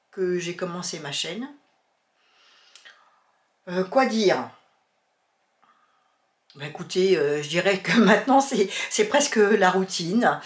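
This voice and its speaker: Sniffling with a cold, a woman chats casually to her viewers about sewing and knitting, hesitating and using lots of fillers. Her voice is mid-range, and the sound is roomy.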